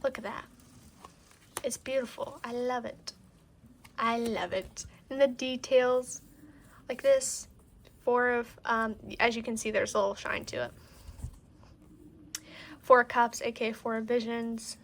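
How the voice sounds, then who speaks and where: A tarot deck collector shows cards to camera in strong wind, her slightly high voice steady, a little slow, with long pauses. She gushes and rambles casually, tossing in many "like" asides.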